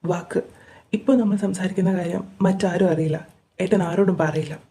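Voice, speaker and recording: Woman playing a protective big brother, coaxing and insistent, mellow tone, audio drama. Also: fairly low pitch, steady tone, a little fast, close to an everyday voice. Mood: coaxing concern. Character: caring protective elder brother, young man. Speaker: voice actor in fan audio drama.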